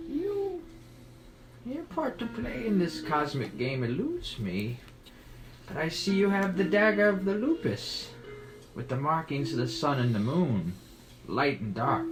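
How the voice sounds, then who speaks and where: A man voicing a very old male soothsayer who speaks slowly in cryptic riddles. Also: on the high side, pitched above the performer's own voice, exaggerated voice, poor audio. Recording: music playing behind.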